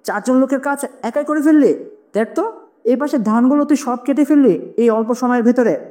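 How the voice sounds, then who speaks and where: Narrator plays an anxious old village dad in a horror tale: fretful, scolding, pitched up. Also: brisk, warm tone, close to an everyday voice. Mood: surprised. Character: worried old village farmer father.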